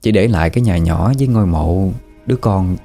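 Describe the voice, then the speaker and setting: A man with a Southern Vietnamese accent narrating a ghost story in a relaxed, folksy way with fillers. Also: deep voice, fairly quick, vocal fry, faint music behind.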